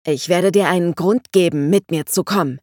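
A woman reading an audiobook, voicing a menacing, power-hungry man who talks loud and threatening. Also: fairly low pitch, normal speed, dry recording, studio quality, lightly acted. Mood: hissing.

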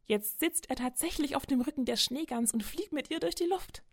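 Brief: storyteller for kids, gentle and expressive, very dry close sound. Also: female voice, high-pitched, fairly quick, no room sound. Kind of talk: reading children's stories aloud.

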